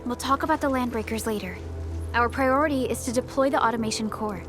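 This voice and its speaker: An actress voicing a composed young supervisor in a game, speaking in a measured, businesslike way with a slightly high voice. Game music plays clearly behind her. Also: close to an everyday voice. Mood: serious. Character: earnest young woman supervisor, calm and focused.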